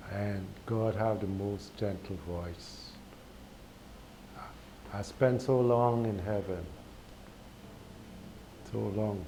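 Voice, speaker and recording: A man from Guyana with a Guyanese accent, telling a personal spiritual testimony in a slow, halting way with repeated words. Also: lowish voice, dark tone, poor audio. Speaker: speaker sharing a spiritual testimony. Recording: recorded with clear background noise.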